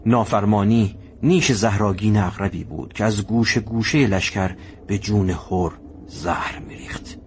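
A man narrating a historical story in a measured, conversational storytelling manner. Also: lowish voice, fairly even intonation, a little hiss or hum.

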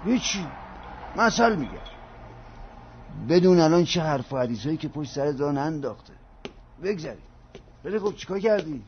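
An actor playing a short-tempered middle-aged real-estate agent in a radio drama, brusque and quick to snap. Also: male voice, fairly high pitch, lively intonation, slight background noise, natural voice. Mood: grumbling. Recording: dull lo-fi radio recording.

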